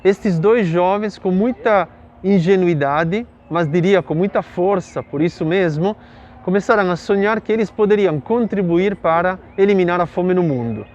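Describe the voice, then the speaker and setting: Italian priest speaking reflectively. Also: male voice, sits high, moderate pace, darkish tone, dull audio. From Italy. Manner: thoughtful, with fillers and tag questions. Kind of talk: interview answer, telling his story.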